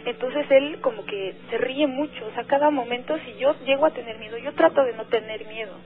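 A woman's voice: on the high side, fairly quick. Mexican woman caller on a tinny line. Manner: hesitant, earnest, many filler words. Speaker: radio caller. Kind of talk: phone-in conversation. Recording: tinny phone line, faint music.

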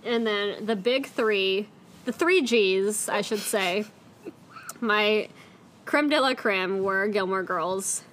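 A woman's voice: mid-range voice, slow pace, fairly bright tone, slight background noise. A young woman co-hosting a casual podcast at home, rambling enthusiastically through remembered shows and pastimes. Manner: enthusiastic, rambling lists of memories. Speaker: podcast co-host. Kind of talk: casual chat. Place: indoors, a room at home.

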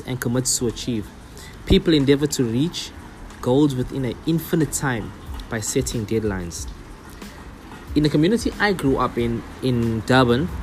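A young South African man with a South African accent, hosting his own podcast in an earnest, explanatory way with frequent pauses. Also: mid-range voice, slight background noise. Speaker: podcast host. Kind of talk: solo motivational podcast talk.

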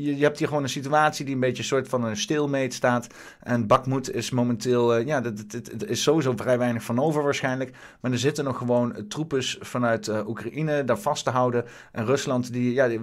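A man hosting his own stream, giving casual, rambling commentary on the news, full of fillers and restarts. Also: mid-range voice. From Netherlands. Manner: halting, many fillers and restarts.

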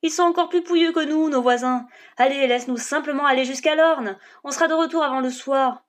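A woman's voice: on the high side, fairly even intonation, normal speed, natural voice. A woman voicing a bold rebel leader with a cool, sardonic and persuasive manner. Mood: pleading.

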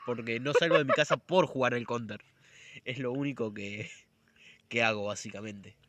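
Young man, Argentine accent, bright voice, dry close sound, laid-back slangy chat. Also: mid-range voice, normal speed, no echo. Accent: Argentine Spanish. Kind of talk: casual chat.

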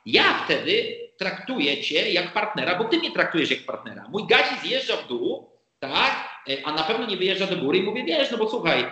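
A man explaining negotiation ideas in an animated conversational way, acting out the quoted exchanges. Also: high-pitched, a little fast, roomy sound, rough recording. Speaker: negotiation expert guest.

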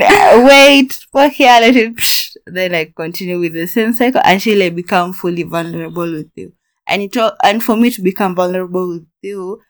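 Animated woman co-hosting a chatty podcast. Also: mid-range voice. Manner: animated, laughs often, restarts sentences. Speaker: podcast co-host. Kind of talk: casual chat.

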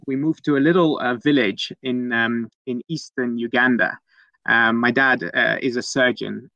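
Guesting on a casual storytelling interview, a young adult from the Netherlands who manages a conservation program keeps restarting and saying um. His medium-pitched voice sounds pushed and bright, with no room sound and dull audio.

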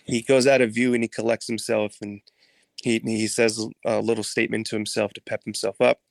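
A man, a podcast guest, retelling a story in a casual, animated way and laughing often. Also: lowish voice, a little fast, gravelly, dry recording.

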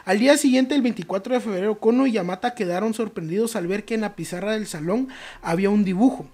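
Relaxed Mexican man telling a story. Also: high voice, quick pace. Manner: relaxed, joking, slangy. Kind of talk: casual storytelling chat.

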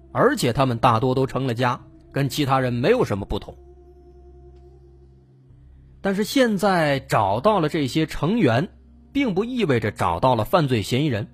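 Husky, animated male true crime narrator. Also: medium pitch. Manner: dramatic storyteller, poses suspenseful questions.

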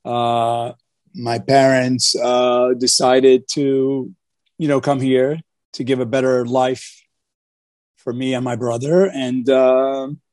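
A man's voice: mid-range voice, little pitch movement, slow pace, darkish tone, dry recording, clean studio sound. A man from Portugal talking about his life as a guest on a video call, earnest, with many fillers and repeated starts. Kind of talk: casual interview talk.

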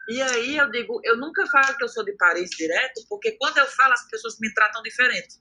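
A man's voice: extremely high pitch, quick pace, bright, forceful tone, a little hiss or hum. An adult man from the Cariri region of Brazil with a Northeastern Ceará accent, talking in an outspoken, emphatic podcast chat and acting out quoted dialogue. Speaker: content creator, podcast guest.

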